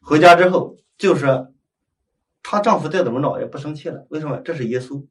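Animated storytelling priest, slightly high voice. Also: male voice, fairly quick. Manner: animated, acts out dialogue, frequent tag questions. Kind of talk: storytelling sermon. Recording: voice heard from a distance.

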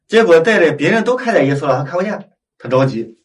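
Talking fast in a voice a little higher than most men's, a preacher delivers a storytelling sermon from some distance from the microphone. He animatedly acts out the dialogue of the people in his tale and keeps seeking agreement with frequent tag questions.

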